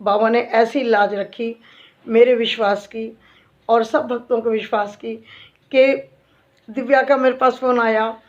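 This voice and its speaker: A woman's voice: a little high, fairly even intonation, unhurried, long pauses. A middle-aged woman, a devotee and bhajan singer, telling an emotional faith story to fellow devotees in a heartfelt, earnest way. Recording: dull lo-fi recording.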